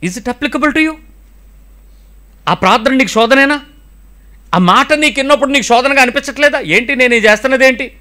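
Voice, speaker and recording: A middle-aged male pastor preaching with a high, lively voice. His tone is bright and ringing, and he fires off rhetorical questions and drops in English phrases now and then. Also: normal speed, long pauses. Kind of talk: sermon.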